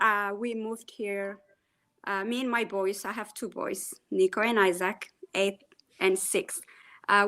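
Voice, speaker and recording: A woman in her thirties from Ethiopia with an Ethiopian accent, a guest speaking casually, hesitating with "um" and laughing softly. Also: medium pitch. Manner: warm, hesitant, frequent "um" and soft laughs. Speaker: guest, small business owner. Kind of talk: casual interview chat.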